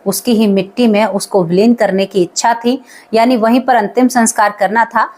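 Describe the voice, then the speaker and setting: Higher-voiced woman telling a spooky tale. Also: steady tone, normal speed, a little mellow. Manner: conversational, addresses listeners as friends. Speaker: storyteller. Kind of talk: spoken horror storytelling.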